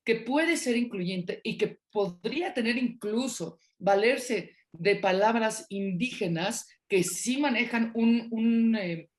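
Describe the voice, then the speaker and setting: A woman's voice: fairly high pitch, animated, slow, hardly any pauses, a little mellow. A woman with a Mexico City accent, co-hosting a casual panel discussion and rambling with many fillers as she asks questions. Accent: Mexico City Spanish. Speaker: podcast co-host.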